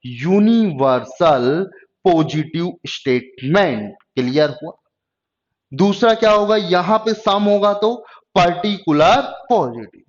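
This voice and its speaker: A male tutor giving an exam-prep lecture in Hindi with English phrases, dictating slowly and often checking whether students have understood. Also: high-pitched, expressive. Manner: slow, drawn-out dictation of English phrases, frequent "got it?" checks. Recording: dull lo-fi lecture audio.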